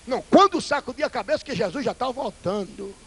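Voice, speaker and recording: A male Pentecostal pastor, preaching a fiery, theatrical sermon that swings between loud bursts and hushed asides. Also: extremely high pitch, expressive, brisk, gravelly, a little hiss or hum, rough recording. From Brazil.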